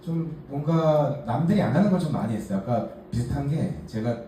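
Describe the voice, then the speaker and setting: Here a Gangneung man in his forties, from Gangwon Province in South Korea, shares his personal story with a workshop group as the case presenter. His voice is medium in pitch, expressive, brisk and warm, and he jokes at his own expense with plenty of fillers. Faint hiss, echo and a distant mic mark the recording.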